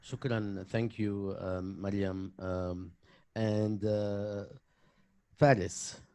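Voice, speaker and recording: A male moderator with a very low voice guides a video-call panel politely, halting and filling gaps. The sound is dry and close. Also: flat delivery, darkish tone, clear, resonant tone, dry recording. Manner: polite, halting, many fillers.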